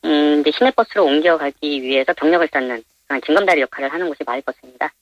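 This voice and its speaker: An anonymous minibus driver gives plain interview answers in a fast-talking voice disguised by pitch-shifting. He is halting, polite and explanatory, and the recording is dry, dull, band-limited phone audio.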